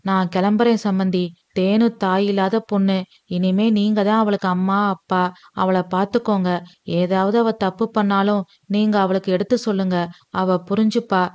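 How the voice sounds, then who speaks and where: This is a woman playing a gentle, caring older father, a widower, who speaks with tender reassurance. His voice sits at a middle pitch. The recording is dull and lo-fi, close and dry. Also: flat delivery, normal speed, dry recording, lightly acted. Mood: earnest.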